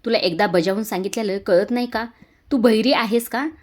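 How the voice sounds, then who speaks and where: A harsh, scolding aunt from a retold serial scene, berating someone at full shout, as a woman reads her lines. The voice sits a little on the low side. The anger stays hard and steady throughout. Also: moderate pace, close to an everyday voice.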